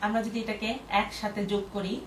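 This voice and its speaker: A woman teaching a language lesson at a board, spelling words out slowly syllable by syllable. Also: medium pitch, little pitch movement, slight background noise. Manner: slow, syllable-by-syllable explaining. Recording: echoey room, voice from a distance.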